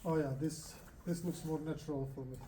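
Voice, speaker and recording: Higher-pitched man, faint background noise. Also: fairly even intonation, fairly quick. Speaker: vlogger doing hands-on assembly. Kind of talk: casual explaining chat.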